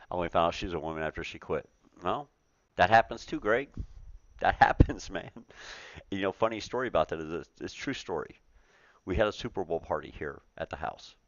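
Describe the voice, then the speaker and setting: A man's voice: low-pitched, no room sound, muffled recording. A man in his forties hosting a trucking talk show in casual, profane chat, laughing often and repeating himself. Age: 40s.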